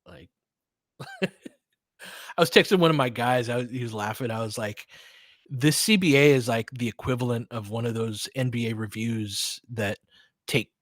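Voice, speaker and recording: At a moderate pace with frequent pauses, a mid-range male podcast host calls basketball play-by-play live, casual and clipped, answering chat replies along the way. The sound is dry and studio-clean.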